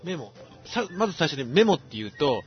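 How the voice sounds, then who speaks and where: A man's voice: a little high, big pitch swings, fairly quick. A man hosting a podcast, chatting casually and demonstrating things as he talks. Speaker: podcast host. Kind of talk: casual chat. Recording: lo-fi podcast audio with faint music.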